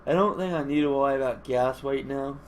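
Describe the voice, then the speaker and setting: A man with a mid-range, slightly fast voice hosts a gaming video, musing aloud in casual, rambling commentary. His voice is nasal and stuffy, as if his nose is congested, and the mic picks up clear background noise.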